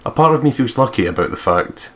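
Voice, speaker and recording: Quick and lively, this medium-pitched man is a let's play commentator reading game text out loud while he plays. His running commentary is full of swearing, jokes, giggles, and mock-quote voices.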